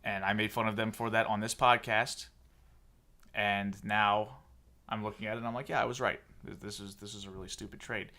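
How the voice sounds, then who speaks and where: A man's voice: on the low side, fairly even intonation, a little fast, bright, forceful tone. A man in his thirties hosting a casual sports podcast, opinionated and sarcastic as he rants. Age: 30s. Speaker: podcast host.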